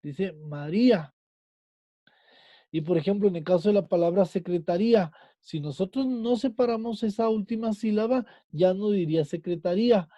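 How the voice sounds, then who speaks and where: A man teaching an online class, patient, slowing down and stretching words as he explains. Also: sits high, dark tone, no echo.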